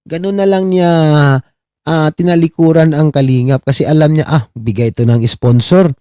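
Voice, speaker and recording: High-voiced mocking man on a live stream. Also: steady tone, normal speed, dry recording, studio quality. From Philippines. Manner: mocking, keeps asking "di ba?" and gives viewer shout-outs. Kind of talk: casual live-stream commentary. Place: abroad, talking on a live stream.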